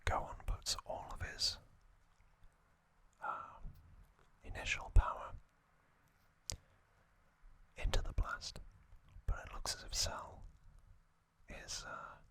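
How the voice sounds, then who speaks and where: In this ASMR recap, the male host never voices a sound, only whispers. The whisper is breathy, crisp on top and steady from start to finish, and he takes it very slowly, speaking in short deliberate phrases with pauses between.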